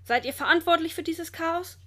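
A woman voicing a stern, angry male zoo director in a children's storybook, scolding loudly. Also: fairly high pitch, animated, normal speed. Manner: scolding, loud.

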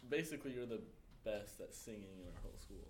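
A man's voice: on the low side, lively intonation, fast. A teenage boy who leads the chat, asking questions and teasing his friends. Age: teens. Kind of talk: casual chat.

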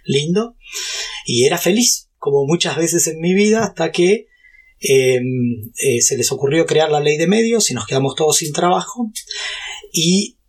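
A Brazilian YouTuber and entrepreneur in his fifties, who has spoken Portuguese since childhood and has an Argentine Spanish accent, tells his story at length as a guest in a relaxed, casual interview. He's talkative, full of fillers and restarts. His voice is a little high and husky, at a measured pace.

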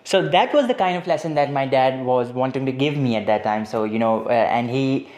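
A man's voice: mid-range voice, a little fast, darkish tone. Rambling young man hosting a podcast. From Pakistan. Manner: chatty, rambling, many fillers and restarts. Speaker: podcast host. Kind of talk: casual motivational podcast monologue.

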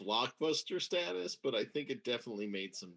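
A man's voice: mid-range voice, expressive, fast talker, creaky, fairly bright tone. A man co-hosting a casual movie chat, talking in a laid-back, hesitant way. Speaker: podcast co-host.

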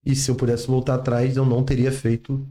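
A man's voice: medium pitch, flat delivery, fairly quick, dark tone. A man in his late twenties with a Brazilian Portuguese accent, chatting casually and jokingly in slang as a podcast host. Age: late 20s. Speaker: podcast host, ex-army sergeant and exam-course seller.

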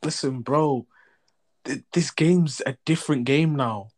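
A young man speaks in a London roadman accent with a medium-pitched voice. He banters casually in thick slang, often repeating himself as he protests. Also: a little slow, a little mellow. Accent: London, urban roadman slang style. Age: young adult.

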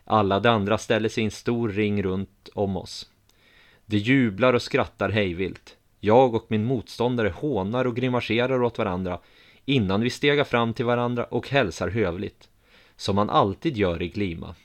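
Male audiobook narrator, low voice, calm first-person storytelling.

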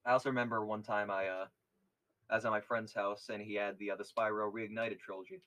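A man's voice: lowish voice, flat delivery, a bit bright. A young man co-hosting a podcast, telling chatty stories in casual talk. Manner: quick, chatty, nostalgic storytelling. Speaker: podcast co-host. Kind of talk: casual chat.

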